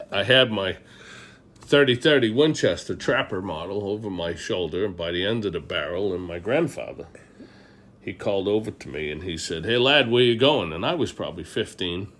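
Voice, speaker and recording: Emphatic hunting guide. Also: male voice, on the low side, moderate pace, fairly bright tone. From Maine. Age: middle-aged. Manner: emphatic storyteller, repeats words when starting sentences. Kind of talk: casual podcast interview.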